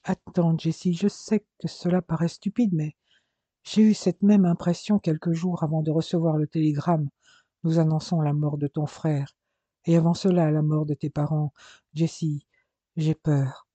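A man voicing a tender, anxious wife in an audiobook, speaking softly and lovingly. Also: on the high side, level tone, moderate pace, no echo, close to an everyday voice. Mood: fearful. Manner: soft, tender, fearful.

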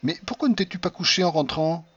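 A man's voice: fairly high pitch, animated, quick pace, fairly bright tone, slightly rough, no room sound, highs cut off, pitched above the performer's own voice. Man doing a drowsy, tender young wife. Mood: dreamy.

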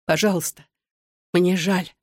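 A reader voicing a gentle young wife who pleads in soft, tearful whispers, in an audiobook. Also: female voice, fairly low pitch, fairly even intonation, measured pace, no echo, studio quality. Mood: pleading. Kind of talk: audiobook dialogue.

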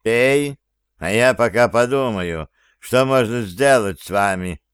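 A man's voice: mid-range voice, takes it slowly, clean tone, no room sound, studio quality, close to an everyday voice. A man doing an icy, haughty elf. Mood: contemptuous. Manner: icy, contemptuous, unflappable. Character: haughty elf professor, cold and disdainful.

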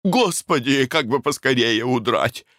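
A man voicing a panicky middle-aged husband abroad, fretful and hurried, in a storybook reading. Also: mid-range voice, lively intonation, fairly bright tone, no room sound, studio quality, pitched above the performer's own voice. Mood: anxious, hurried.

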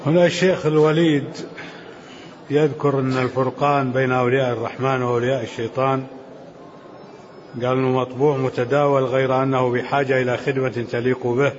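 A man teaching a lesson. He explains a text slowly and asks the reader short questions. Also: medium pitch, level tone. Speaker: sheikh teaching the book. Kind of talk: lecture commentary on a text. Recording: dull lo-fi recording with faint hiss.

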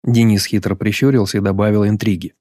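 Male narrator, low dark tone, dry close recording, measured delivery. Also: dry recording. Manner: even, measured reading. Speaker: audiobook narrator. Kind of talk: scripted narration.

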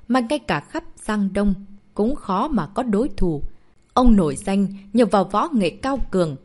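An audiobook narrator, a woman, reads a martial arts novel aloud. She narrates expressively, letting her pitch rise and fall freely to heighten the drama.

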